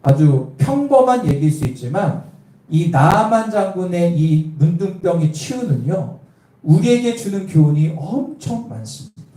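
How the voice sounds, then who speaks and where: A man's voice: high-pitched, dark tone. A male pastor preaching a sermon, telling the story and quizzing the congregation with questions. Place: church. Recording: echoey room, voice from a distance.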